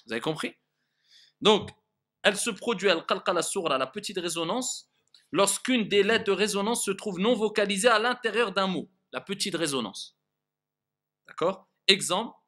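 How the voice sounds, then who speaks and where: A man's voice: sits high, expressive, normal speed, bright, forceful tone. A man teaching a Quran recitation lesson in a classroom style. He speaks patiently, demonstrates sounds aloud and checks often that his students understand.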